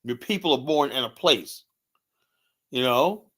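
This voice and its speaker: A man giving heated political commentary as a streamer host, blunt and repetitive, filling pauses with "you know" and mocking others by quoting them in put-on voices. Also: medium pitch, lively intonation, bright, forceful tone, husky.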